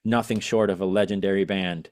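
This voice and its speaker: A man's voice: low-pitched, steady tone, a little fast, a little mellow. A man from Venezuela, a musician guest on a podcast, chatting eagerly and rambling with many fillers and restarts. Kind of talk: casual interview chat.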